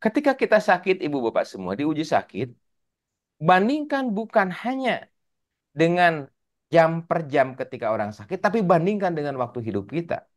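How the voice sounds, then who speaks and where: A man in his forties with a Sundanese accent, lecturing at a religious study session. His voice sits a little high and swings widely in pitch as he speaks straight to his listeners. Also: moderate pace. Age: 40s. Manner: animated, addresses audience directly.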